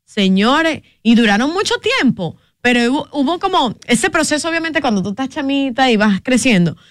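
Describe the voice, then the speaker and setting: A woman's voice: high-pitched, very animated, normal speed, no room sound, studio quality. A woman co-hosting a radio talk show, speaking emphatically and addressing the audience directly. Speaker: radio co-host. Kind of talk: casual studio chat.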